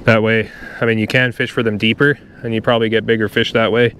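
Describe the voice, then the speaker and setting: On open water, a Canadian man fishes from his kayak and talks fast to his viewers in a lowish, fairly bright voice with little pitch movement. His narration to camera is casual, laid-back, and chatty. Wind and water noise sound clearly in the background.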